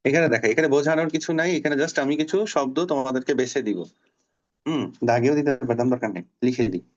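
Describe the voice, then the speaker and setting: A man teaching a Bangla class online. He is patient and repeats words slowly to drill pronunciation. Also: mid-range voice, highs cut off.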